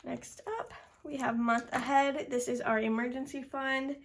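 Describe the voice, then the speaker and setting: A woman's voice: high voice, little pitch movement, normal speed, a little hiss or hum. A young woman, slightly out of breath, narrating a task casually and counting amounts aloud step by step. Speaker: budgeting video host.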